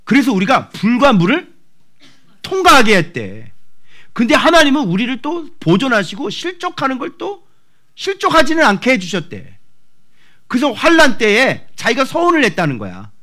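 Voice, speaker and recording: Animated, bright-voiced male pastor. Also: extremely high pitch, normal speed. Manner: animated, acts out voices and shouts. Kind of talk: expository sermon. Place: church.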